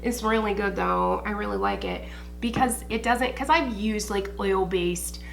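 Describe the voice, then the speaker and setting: A woman's voice: mid-range voice, measured pace, creaky, a little hiss or hum. An American woman chatting informally like a makeup tutorial host in a beauty haul review, slangy and swearing freely. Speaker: beauty vlogger.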